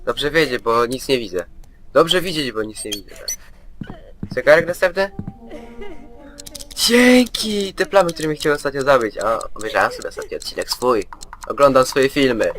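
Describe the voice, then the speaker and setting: A man of average pitch talks through a horror game as he plays it. He jokes constantly and chats to the characters on screen, half teasing and half soothing them, in a loose let's-play commentary. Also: very animated, normal speed, pauses often, fairly bright tone. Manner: jokey, chatters to game characters, mock-soothing. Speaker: gameplay commentator.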